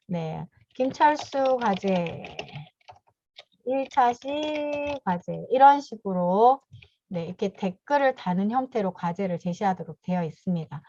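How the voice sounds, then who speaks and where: Fifties lady teaching teachers online, kinda high voice, polite, says yes a lot, muffled dry call audio. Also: a little mellow. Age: 50s. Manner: polite, step-by-step explaining, starts phrases with a short affirming "yes". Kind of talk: online training talk with screen demo. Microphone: video call mic.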